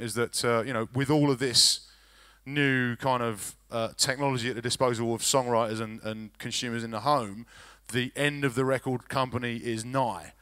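A record label executive in his forties answers on a conference panel from a large hall stage, speaking into a handheld mic. He is measured but full of fillers and restarts, with a medium-pitched, slightly bright voice.

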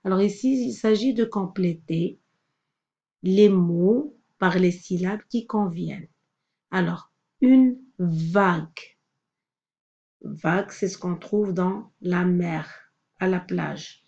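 A woman teaching a phonics lesson to young children, patiently sounding out each word slowly. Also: fairly low pitch, dark tone, lo-fi sound.

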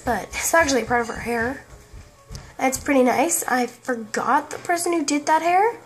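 A woman casually commenting on a life-sim game, rambling and halting, often tripping over words. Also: high voice. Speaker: game video creator.

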